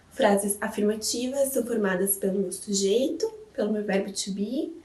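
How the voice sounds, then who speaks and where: A woman's voice: on the high side, a little mellow. Echoey Brazilian woman teaching English. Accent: Brazilian Portuguese. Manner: patient, checks in with tag questions. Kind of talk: classroom explanation. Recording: echoey room, mic at a distance.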